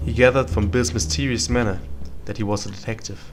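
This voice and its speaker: A man narrating a scripted story in old-fashioned radio drama style, with dry, measured delivery. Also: on the low side, fairly even intonation, music in the background.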